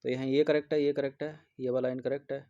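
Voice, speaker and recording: Hindi exam tutor, dark, lo-fi. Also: male voice, medium pitch, flat delivery, fast talker. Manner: repeats each word over and over and checks in with a constant "theek hai". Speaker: exam prep teacher. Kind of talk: spelling lesson, explaining answers. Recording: dull lo-fi recording.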